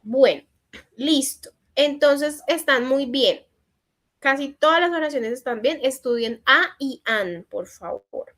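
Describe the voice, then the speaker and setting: A woman teaching an online English class in Spanish, reading out student answers and gently correcting them. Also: high voice, lively intonation, slow. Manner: encouraging corrections in a patient teacherly tone. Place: online session.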